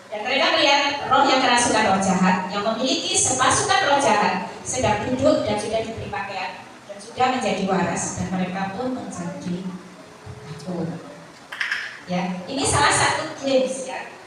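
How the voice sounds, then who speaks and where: A woman preacher, giving a Sabbath sermon and telling her own story in an animated way, acting out the people she quotes. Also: on the high side, moderate pace, crowd noise. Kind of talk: Sabbath sermon with personal testimony. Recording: echoey hall, voice from far off, ambient noise.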